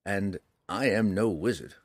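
A man doing a calm, formal young dark elf, deep voice. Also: no echo. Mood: earnest. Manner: measured, earnest, formal.

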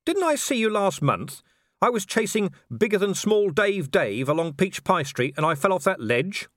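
A man voicing Vimes, a guard captain, in a higher, urgent and incredulous tone in an audiobook. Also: big pitch swings, moderate pace, a bit bright, dry recording, studio quality. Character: anxious male city guard captain Vimes. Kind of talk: audiobook character voice.

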